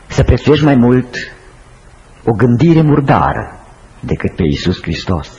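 A man preaching a sermon, swinging between high urgent pleas and slow, hushed low phrases. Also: sing-song. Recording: slightly dull lo-fi recording with faint noise.

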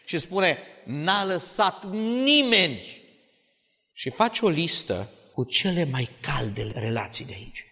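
A male preacher giving a sermon in a church hall, in an animated storytelling style with dramatic swings. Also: mid-range voice, creaky, few pauses. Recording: long church-hall reverb.

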